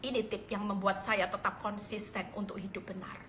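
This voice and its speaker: A middle-aged woman evangelist, preaching a sermon over a phone livestream, moving from hushed earnest passages to loud exclaiming ones. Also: mid-range voice, little pitch movement, moderate pace, a little hiss or hum. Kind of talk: sermon over live social video.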